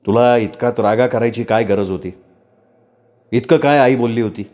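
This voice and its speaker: A man doing a quiet, restrained husband. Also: mid-range voice, fairly even intonation, normal speed, lightly acted. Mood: pleading. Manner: hushed, reasoning.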